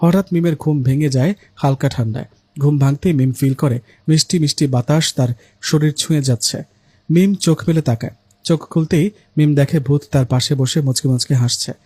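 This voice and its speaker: A man narrating a Bengali ghost story in a lively storytelling manner, voicing all the figures himself. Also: a little high, fairly quick, breathy edge, dry recording.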